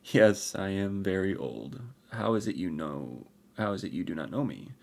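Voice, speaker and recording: A man voicing an ancient armored warrior emperor, speaking formally and gravely in a rich voice. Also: deep voice, lively intonation, normal speed, pitched above the performer's own voice, heavily acted. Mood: weary. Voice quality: rich voice with an unfamiliar accent.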